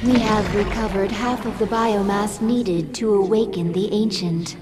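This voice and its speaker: An actress voicing a solemn female alien adviser in a video game, formal and measured in her mission updates. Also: mid-range voice, fairly even intonation, natural voice. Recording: clear battle noise behind. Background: game sound effects.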